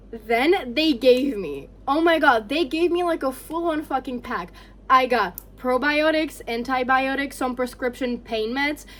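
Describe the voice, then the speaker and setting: Young female vlogger, fairly high voice, unfiltered rambling chat with plenty of swearing. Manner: candid, sweary, rambling with frequent "like". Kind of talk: casual chatty storytime while getting ready.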